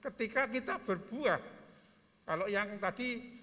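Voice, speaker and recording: A man attending a church seminar, asking the speaker a deliberate question. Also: sits high, sharp tone. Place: church hall. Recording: long hall reverb with faint music.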